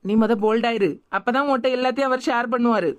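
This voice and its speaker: A woman voicing a calm, reassuring young woman friend in a cartoon, with a Kanyakumari Tamil accent and a steady manner. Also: a little high, fast talker, a little hiss or hum, natural voice.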